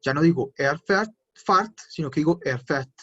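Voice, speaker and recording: A husky, fairly high-voiced man, teaching German grammar step by step to a class. The sound is dull and muffled. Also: animated, moderate pace, sharp tone. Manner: explains step by step, switching between Spanish and German drills. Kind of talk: online class explanation.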